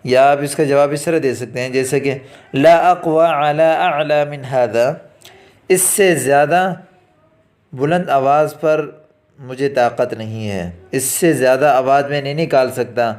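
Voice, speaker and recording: Male language teacher, patient lesson delivery, medium pitch, slow deliberate phrase readings, brisker explanations. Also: a little mellow. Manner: slow, drawn-out reading of Arabic phrases, then quick Urdu explanation. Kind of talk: classroom lesson explaining Arabic phrases in Urdu. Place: academy lesson recording.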